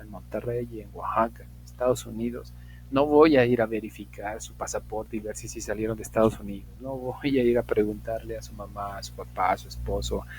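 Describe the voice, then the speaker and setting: A man's voice: on the low side, a little mellow, slight background noise, low-quality recording. A man teaching an English class in a recorded lecture, explaining patiently and repeating key points. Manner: explanatory, repeats key points, models example sentences aloud.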